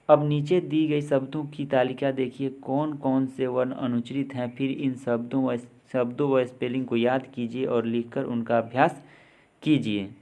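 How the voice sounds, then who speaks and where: A man's voice: medium pitch, mellow. A man with an Indian accent teaching an English lesson, spelling words letter by letter and giving their meanings. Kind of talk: slow spoken lesson.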